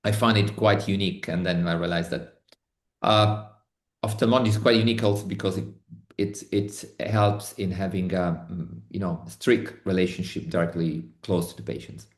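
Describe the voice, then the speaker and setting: A middle-aged Italian man with an Italian accent, speaking as an interview guest in careful English with many pauses and restarts. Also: low voice, echoey room. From Italy. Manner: thoughtful, many restarts and hesitations. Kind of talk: online interview.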